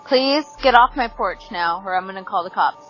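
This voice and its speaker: A woman's voice: medium pitch, animated, normal speed, soft background music. A homeowner, a woman, firmly ordering someone away through a doorbell camera speaker. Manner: firm, commanding. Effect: heard through a doorbell camera speaker. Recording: dull lo-fi doorbell camera audio from a distance.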